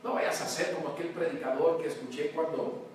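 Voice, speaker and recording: A male pastor preaching a sermon, swinging between loud emphasis and hushed words, often calling out to his congregation. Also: on the high side, fairly even intonation, brisk. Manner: addresses congregation as "hermano", asks "¿verdad?". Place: large church hall. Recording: very echoey church hall, mic far off, faint noise.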